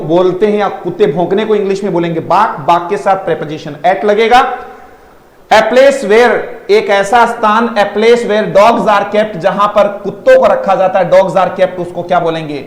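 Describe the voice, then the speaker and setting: A man's voice: high voice, echoey room. A man teaching an online vocabulary lesson, repeating words in drills and coaxing his students to answer. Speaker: English teacher.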